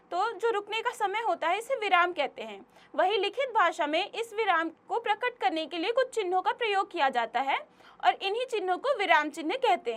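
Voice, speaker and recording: A young woman teaching a grammar lesson to children, addressing them directly and slowing down to read example sentences aloud. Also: extremely high pitch, a bit bright.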